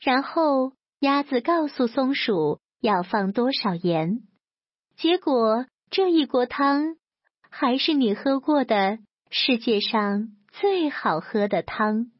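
A woman reading a children's story aloud in a gentle, even storybook manner. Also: on the high side, slow, dry recording. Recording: dull lo-fi dry recording.

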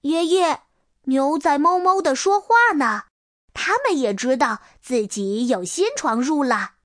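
A woman's voice: high voice, animated, a little slow, a bit bright, dry recording, studio quality. A woman voicing a cheerful, caring little girl in a storybook reading. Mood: chirpy. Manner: sweet, coaxing, chirpy.

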